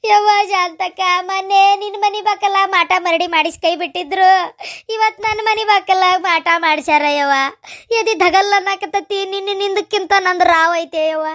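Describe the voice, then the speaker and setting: Lady doing a scared village woman, north karnataka accent, super high bright voice, keeps wailing. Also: steady tone, moderate pace. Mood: panicky, pleading. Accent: North Karnataka Kannada. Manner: wailing and pleading, repeats herself. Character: frightened village woman neighbour, panicky and wailing. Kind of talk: cartoon voice acting.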